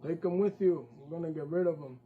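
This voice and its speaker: A man's voice: a little high, fast, phone-quality sound, close to an everyday voice. A man playing a blunt, wisecracking male taxi driver. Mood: wry.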